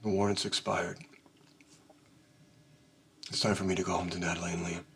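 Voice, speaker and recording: An actor playing a brooding, guarded man in a TV soap, speaking in a halting, understated, serious way. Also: deep voice, flat delivery, fairly bright tone, slight background noise. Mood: resigned. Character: brooding, guarded man carrying an old grudge. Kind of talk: naturalistic TV soap drama acting.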